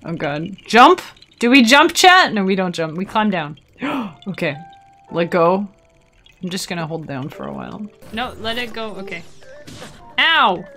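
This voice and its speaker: A woman streaming a video game with casual, playful, excitable commentary to her chat, often exclaiming and giggling. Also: lowish voice, measured pace, faint music behind.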